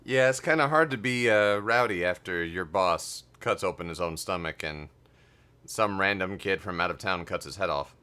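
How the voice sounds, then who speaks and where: A man's voice: deep voice, normal speed, pushed and bright, smooth. A man giving casual commentary as he plays through a video game. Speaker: gamer commenting on a playthrough.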